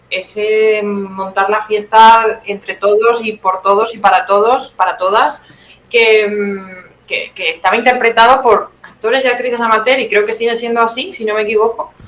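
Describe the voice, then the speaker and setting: A playwright from Teruel, Spain, speaks English with a Spanish accent as an interview guest, her medium-pitched voice a bit bright. Her conversational answers are reflective and self-correcting, and the recording has a roomy echo with some background noise.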